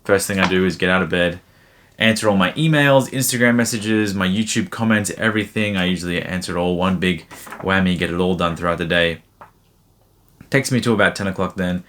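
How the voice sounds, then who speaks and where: A young man casually answering viewer questions in a rambling, relaxed way. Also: deep voice, brisk. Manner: rambling, relaxed, lots of fillers. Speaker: YouTube card seller answering viewer questions. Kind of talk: casual chat.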